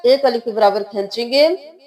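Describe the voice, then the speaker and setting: A woman teaching Quran recitation, spelling out letters and vowel marks, then reciting them slowly in a chanting melody. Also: a little high, a little mellow, soft background music. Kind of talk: tajweed lesson with recited verses.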